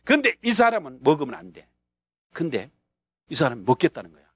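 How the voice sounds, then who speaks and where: A man from North Korea with a North Korean accent, a pastor and missionary telling a story in a sermon, acting out the scenes with bursts of shouting and laughter. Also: on the high side, sing-song, brisk, husky, no room sound.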